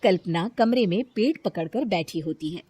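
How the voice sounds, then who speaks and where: A woman narrating a scripted cartoon moral story in an expressive storytelling style. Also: mid-range voice, moderate pace, husky, dry recording, studio quality. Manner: animated, expressive.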